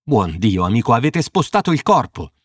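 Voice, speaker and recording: A man's voice: mid-range voice, sing-song, moderate pace, no echo. A man reading an audiobook voices a stern, exasperated police sergeant who scolds sharply.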